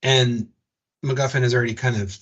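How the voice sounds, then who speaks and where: A man's voice: mid-range voice, fairly even intonation, a little fast, fairly bright tone. A man acting as game master of a tabletop game, talking casually and correcting himself as he goes. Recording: dull lo-fi audio.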